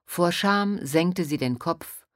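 Brief: woman audiobook narrator, low voice, dry close sound. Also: slow pace, dry recording.

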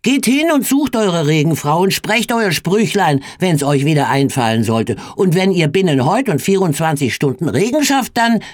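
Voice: medium pitch, sing-song, normal speed, few pauses, no room sound, clean studio sound, voice pushed up, natural voice. A reader voicing a stout, proud, stubborn farmer man in a storybook reading, blustering and emphatic. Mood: scornful boast. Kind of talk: audiobook reading.

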